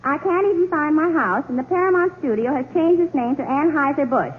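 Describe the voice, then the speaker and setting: A woman's voice: high voice, brisk, narrow, tinny audio, slight background noise. A woman co-starring in 1930s radio comedy, with a dry, wisecracking delivery, heard through an old AM radio broadcast. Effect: old AM radio broadcast sound. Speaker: comedy co-star.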